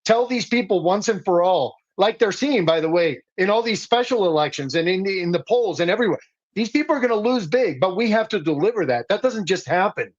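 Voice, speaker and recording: A man's voice: high-pitched, lively intonation, brisk, muffled recording. A man raised in the Dominican Republic, a guest activist speaking passionately and insistently in a political talk. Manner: impassioned, insistent, building emphasis.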